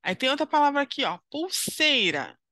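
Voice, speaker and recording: A woman's voice: fairly high pitch, expressive, measured pace, fairly bright tone, no echo, clean studio sound. A woman with a Brazilian Portuguese accent, teaching a primary school lesson as she walks through a worksheet. She talks patiently and encouragingly, often checking in with the listener.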